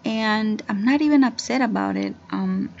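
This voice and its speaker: A woman's voice: on the high side, moderate pace, a little mellow, lo-fi sound. A woman in her twenties rambling through a casual solo podcast, with lots of fillers and restarts. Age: 20s. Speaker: podcast host.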